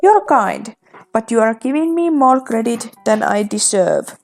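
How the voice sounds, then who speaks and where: A soft-spoken, humble young shopkeeper from a game, read by a woman, offering calm counsel at an unhurried pace. Faint music plays underneath. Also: fairly high pitch. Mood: gentle. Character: humble kind young male color-shop keeper.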